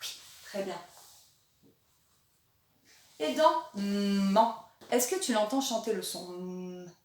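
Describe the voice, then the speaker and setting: A woman teaching a remote lesson to young children, in a gentle, encouraging way, speaking slowly and articulating clearly. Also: fairly high pitch, sing-song. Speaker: primary school teacher. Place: classroom or room with a board. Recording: very echoey room, voice from a distance.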